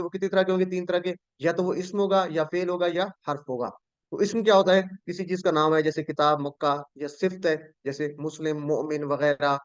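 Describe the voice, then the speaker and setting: A man's voice: high voice, smooth, dry recording. A male teacher leads an online Arabic grammar class. He speaks patiently, repeats key words and asks his students questions. The sound is dull and dry, as if from a computer microphone on a video call.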